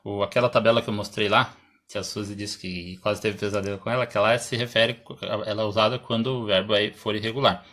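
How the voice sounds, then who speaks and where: A Brazilian man teaching English in a live stream, explaining slowly, reading example sentences aloud, clearing his throat often and answering viewers' questions. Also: fairly low pitch, fairly bright tone. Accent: Brazilian Portuguese. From Santa Catarina, Brazil.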